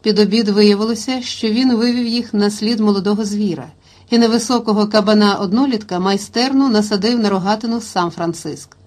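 A woman reading a historical novel aloud as an audiobook narrator, in steady, even storytelling. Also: mid-range voice, brisk.

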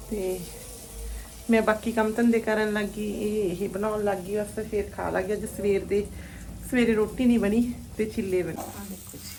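A Punjabi woman with a mid-pitched voice narrates her everyday home vlog. She is chatty and homely, tagging phrases with small questions. The recording has clear kitchen and household noise behind her. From Punjab, India. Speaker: family vlogger.

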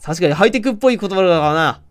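A man voicing a pompous middle-aged police chief who asks questions in a loud, exclamatory way. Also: high voice, lively intonation, very fast, pitched below the performer's own voice. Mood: blustering. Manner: blustering, exclamatory.

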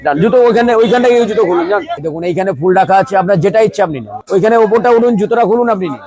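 A man's voice: high voice, expressive, rapid-fire, darkish tone. A middle-aged man runs a street food stall and chats effusively with customers. He is devout, chanting praises and rattling off his dishes. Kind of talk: casual chat while serving customers. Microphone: vlogger's handheld camera. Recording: noisy street crowd behind. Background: crowd chatter.

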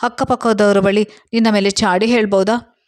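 A woman reading a storybook voices a cheerful, sensible young friend who asks pointed questions in a brisk, half-amused way. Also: mid-range voice, steady tone, natural voice.

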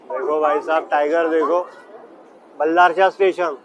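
Moving through a crowded general coach and station platforms, a young man chats loudly and excitedly to his viewers, whom he calls guys, about how packed the train is. He speaks at a moderate pace with a fairly high pitch, surrounded by crowd chatter and train noise.

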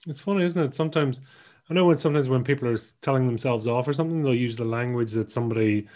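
A man's voice: medium pitch, quick pace, a little mellow. A man hosting a podcast interview, chatty and jokey, asking his guest questions. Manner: chatty, jokey, acts out little quoted exchanges. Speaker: podcast host.

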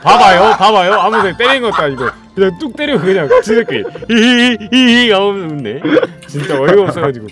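A man hosting a gaming stream, commenting loudly and excitedly and yelling at his friends as they play. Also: sits high, quick pace, over music. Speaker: streamer host.

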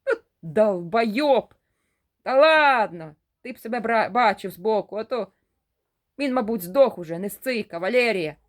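A woman's voice: fairly high pitch, expressive, measured pace. A woman voicing a brash young village man who swears and talks in coarse, slangy dialect.

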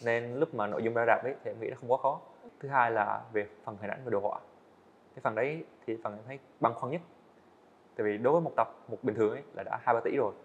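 A young man, a student animator appearing as a podcast guest, talks at length about his plans in an earnest, casual interview. Seated in an indoor studio set, he has a medium-pitched, slightly rough voice, and the audio sounds dull.

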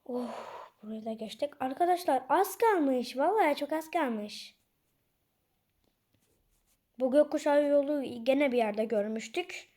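A young woman chatting casually as she plays through an online obstacle game, talking to her viewers with excitable outbursts. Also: high voice, a little slow, long pauses. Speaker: gaming channel host.

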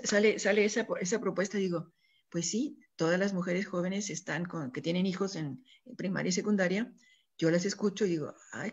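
A woman's voice: medium pitch, darkish tone. A woman speaking as a guest on a radio panel talk, earnest and often stopping to check that her listeners follow. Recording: dull lo-fi radio recording.

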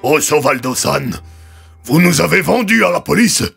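A man's voice: on the high side, expressive, moderate pace, vocal fry, a bit bright, husky, exaggerated voice. A man voicing a solemn, menacing male clan chief in an audio story, speaking in a grave, clipped way. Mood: stern. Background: faint music.

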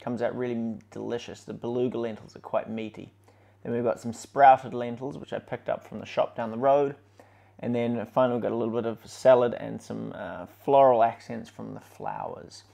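Gravelly man hosting a cooking vlog. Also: mid-range voice, moderate pace. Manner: relaxed, enthusiastic, with frequent fillers. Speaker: cooking channel host. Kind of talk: casual cooking vlog, tasting and commentary.

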